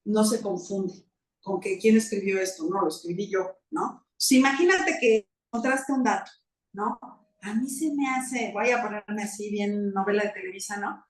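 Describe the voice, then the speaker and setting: A woman's voice: medium pitch, steady tone, moderate pace, reverberant, far from the mic, rough recording. A woman with a Mexican accent explaining things as a guest on a talk show, chatty and full of asides and rhetorical questions. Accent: Mexican Spanish. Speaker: guest biomagnetist.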